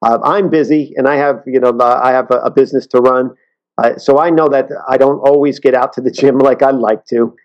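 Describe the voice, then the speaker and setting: A man talking as an interview guest, earnest and halting, often restarting his sentences. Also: medium pitch, fairly even intonation, dull audio. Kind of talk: casual interview talk.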